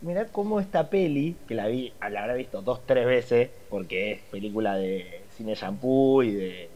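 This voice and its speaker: An Argentine man in his thirties with a raspy, smoker-like morning voice, chatting casually as a podcast panelist. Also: mid-range voice, animated, moderate pace, warm tone. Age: 30s. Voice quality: raspy, boozy-sounding morning voice. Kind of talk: casual film chat.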